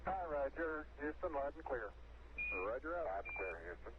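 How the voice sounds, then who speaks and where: A man's voice: a little high, expressive, normal speed, highs cut off. Man over crackly static-filled radio. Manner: clipped radio procedure talk. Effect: crackly radio transmission with static. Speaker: astronaut and mission control on the radio. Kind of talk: radio exchange.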